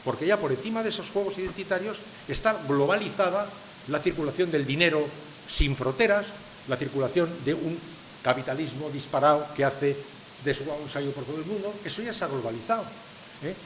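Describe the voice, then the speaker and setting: An older lecturer from San Sebastián, Spain, speaks to a live audience at a slightly fast clip in a fairly high voice. He raises rhetorical questions and stresses key ideas, while the hall adds reverb and a faint hiss.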